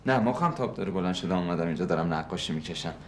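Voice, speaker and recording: A man's voice: low voice, lively intonation. An actor playing an irritable, sarcastic man who snaps at his nosy neighbors. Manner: sarcastic, snapping. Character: irritable, fed-up young man painting. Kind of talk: sitcom acting.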